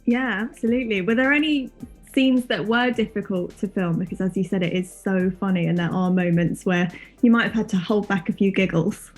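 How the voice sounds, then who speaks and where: A woman's voice: medium pitch, steady tone, a little fast, faint music behind. A woman interviewer asking questions in a casual, chatty and encouraging way. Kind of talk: casual film press interview.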